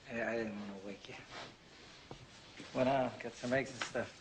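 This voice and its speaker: An actor playing a hardened undercover cop in a crime drama, terse and streetwise. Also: male voice, medium pitch, steady tone, moderate pace, background noise, natural voice.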